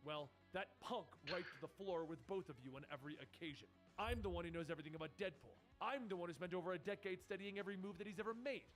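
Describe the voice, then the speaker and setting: A man's voice: sits high, fast talker, hardly any pauses, faint music behind, lightly acted. A man voicing a cold, calculating woman agent, speaking in a stern, threatening way.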